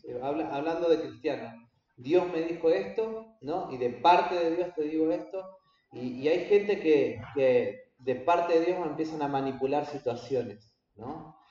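A man pastor teaching his congregation in a halting way, with many fillers and repeated words. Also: fairly high pitch, dark tone. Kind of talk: church teaching talk. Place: church hall. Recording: echoey hall, distant, dull and slightly noisy.

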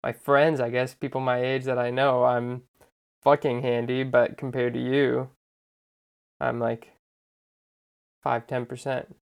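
Clear-voiced young man, casual podcast co-host. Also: medium pitch, little pitch movement, measured pace, long pauses. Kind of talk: casual chat.

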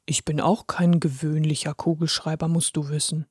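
A deep, gruff yet kindly old-fashioned conductor speaks from a children's storybook, as a woman narrator puts him on. His voice sits low and steady, reassuring and a little stern. The recording is close and dry. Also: moderate pace, no echo. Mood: encouraging. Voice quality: deep put-on voice. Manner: gruff but encouraging. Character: kindly male pen conductor with moustache. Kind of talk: storybook reading.

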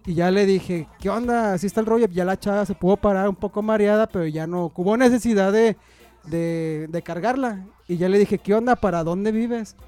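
A young man with a Mexican Spanish accent tells a long, meandering story among friends, with plenty of slang and filler words. His voice sits high for a man, and soft music plays faintly behind him. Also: normal speed. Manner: rambling anecdote with slang and fillers. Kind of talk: casual storytelling chat.

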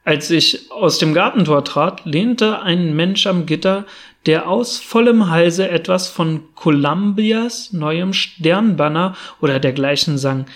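A man reading the part of a plodding, good-natured male police constable who speaks gruffly and dismissively, in an audiobook reading. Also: a little high, slow pace, a bit bright. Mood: telling.

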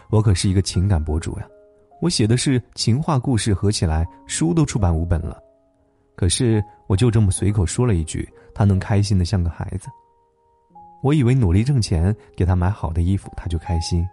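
A man with a low, mellow voice tells a gentle story as host of a late-night program. His tone is husky and tender, and faint instrumental music plays softly behind him. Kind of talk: calm storytelling narration over music. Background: soft instrumental music.

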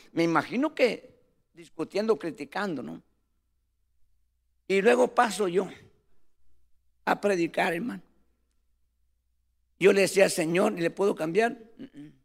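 A man's voice: sits high, expressive, normal speed, gravelly, long pauses. A man who preaches, telling a story about his ministry in an earnest tone and calling his listener "brother" again and again. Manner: earnest, calls listener "hermano" constantly. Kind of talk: storytelling testimony.

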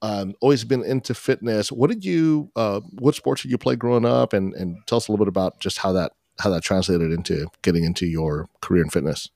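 A man's voice: fairly low pitch, fairly quick, vocal fry, few pauses, darkish tone, no room sound, clean studio sound. A man hosting an interview, asking loose, conversational questions. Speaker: podcast host. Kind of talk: casual interview talk.

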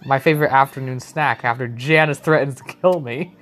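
A man's voice: medium pitch, fairly quick, fairly bright tone. A young man co-hosting a let's play, rambling through silly jokes and giggling often. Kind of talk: casual gaming chat. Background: video game music.

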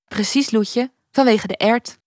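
A woman's voice: on the high side, a little slow, a little mellow, close to an everyday voice. A woman voicing a kind girl who tells a bedtime story in a reassuring way.

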